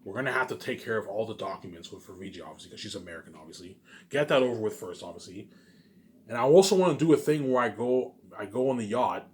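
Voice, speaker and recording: A man with a lowish, slightly mellow voice speaks animatedly at a quick pace in an unscripted vlog. He rambles with emphasis, keeps circling back to the same phrases, and swears from time to time.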